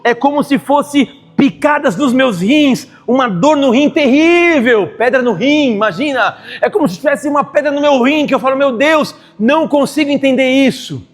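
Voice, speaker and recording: A man preaching a sermon at a church service, swinging from quiet confession to loud emphatic outbursts. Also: extremely high pitch. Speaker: pastor preaching.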